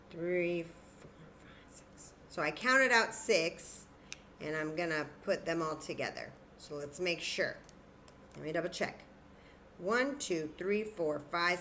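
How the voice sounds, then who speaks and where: A children's story time teacher leads young kids through an interactive demonstration, patient and encouraging as she thinks aloud. Her voice is lowish and a bit bright, with a little hiss or hum in the recording.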